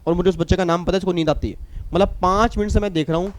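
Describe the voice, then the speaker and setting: A middle-aged man with an Indian accent teaching a tax class, lively, repeating his points and teasing students. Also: high-pitched, rapid-fire. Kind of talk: recorded classroom lecture.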